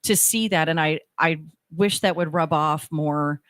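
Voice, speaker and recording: A middle-aged woman co-hosts a radio talk show, telling rambling stories in casual chat and often interrupting and restarting her own sentences. Her low voice is unhurried and a bit bright. The sound is dry and clean, recorded on a studio microphone.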